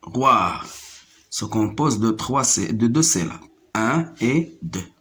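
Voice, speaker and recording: A primary school French teacher leads a slow reading lesson for young pupils, repeating each word several times and counting its syllables aloud. He has a lowish voice with lively intonation and takes things slowly.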